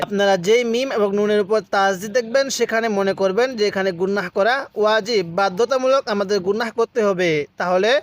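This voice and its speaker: High-voiced man teaching Quran reading. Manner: patient, spells out letters and syllables slowly. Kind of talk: step-by-step recitation lesson.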